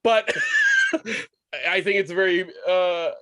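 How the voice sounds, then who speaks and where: A man's voice: high-pitched, fairly even intonation, slow, bright, forceful tone, clear, resonant tone, no echo. Man hosting a casual podcast chat. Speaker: podcast host.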